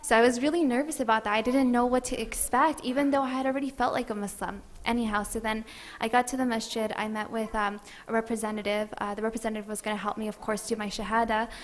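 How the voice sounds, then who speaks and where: A woman giving a personal testimony at an event, earnest and halting, with frequent fillers. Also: on the high side, fairly even intonation. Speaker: convert sharing her story. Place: event hall.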